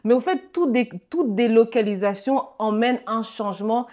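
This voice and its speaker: Woman, podcast host, animated, chatty, casual conversation. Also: on the high side, normal speed.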